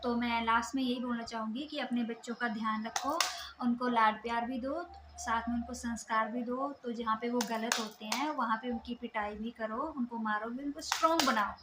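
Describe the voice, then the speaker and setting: A woman's voice: on the high side, steady tone, moderate pace, very noisy. A woman in her thirties from Himachal Pradesh with a Himachali Hindi accent, talking earnestly to camera in a home vlog and lecturing with many fillers. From Himachal Pradesh, India. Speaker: vlogger. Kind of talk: casual talk to camera. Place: home room, indoors, children asleep nearby. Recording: roomy echoey home recording.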